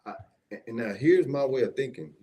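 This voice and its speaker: This man, a Mississippi assistant pastor with a Southern US accent, speaks in an expressive, mid-range voice with a dark tone and moderate pace. Appearing as an interview guest, he tells his personal testimony in a folksy, chatty manner, often checking in with his listener.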